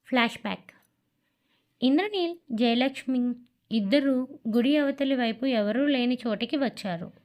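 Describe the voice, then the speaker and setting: Woman, audio story narrator, steady, fairly high pitched. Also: moderate pace, pauses often. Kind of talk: scripted narration.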